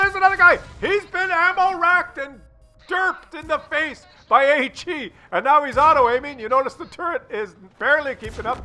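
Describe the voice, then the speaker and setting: A man with a very high, sharp-toned voice hosts a gaming video, offering casual replay commentary. He comes across as wry and sarcastic, teasing with crude jokes, while faint game noise plays underneath.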